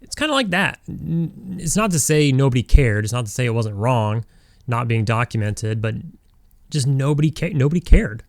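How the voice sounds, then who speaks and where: This man, in his forties and from Southern California, streams games and talks casually while playing, rambling along with many fillers and restarts. His medium-pitched voice is animated and moderately paced, recorded in studio quality with no room sound.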